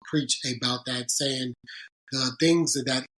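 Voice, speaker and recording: In poor audio, a man with a medium-pitched, slightly bright voice and fairly even intonation talks about his sports-agent career on a podcast. His reflective storytelling is earnest and halting, and he frequently begins his sentences again.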